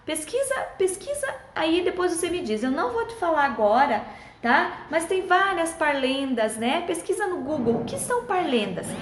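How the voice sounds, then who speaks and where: A woman's voice: sits high, sing-song, moderate pace, a little hiss or hum. A woman teacher, patiently explaining schoolbook exercises to children in a friendly way and checking in often. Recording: echoey room.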